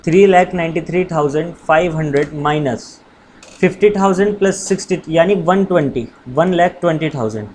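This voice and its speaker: High voiced teacher guy, jokey, teases his students, faint background hiss. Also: fairly quick, a little mellow. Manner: playful, teasing, calls students "babu". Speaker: commerce teacher. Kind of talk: casual classroom lesson.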